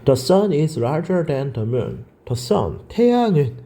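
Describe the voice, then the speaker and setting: A man's voice: fairly high pitch, very animated, drawn-out words, mellow. A male teacher giving a grammar lecture. He asks his class questions, answers them himself and drills the words by repeating them.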